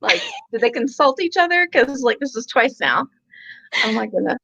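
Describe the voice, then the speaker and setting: A woman chatting casually, quick to laugh and joke at her own expense. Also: sits high, lively intonation, gravelly, sharp tone, husky, poor audio. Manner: chatty, laughing, self-deprecating. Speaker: co-host. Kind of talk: casual chat.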